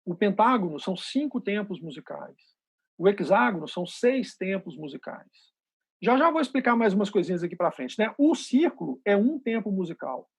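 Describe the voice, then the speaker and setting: A man teaching a rhythm workshop, patiently explaining and counting beats out loud. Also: sits high, big pitch swings, normal speed, creaky, husky. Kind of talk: rhythm lesson.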